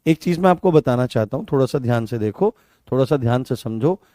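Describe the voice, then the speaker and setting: Here the same Rajasthani-accented teacher sounds warm, expressive and brisk at a medium pitch, leading an online Hindi grammar session for exam takers. He goes over points again and again, answers his own questions, and breaks into song now and then. There's no echo, and the sound is studio-clean.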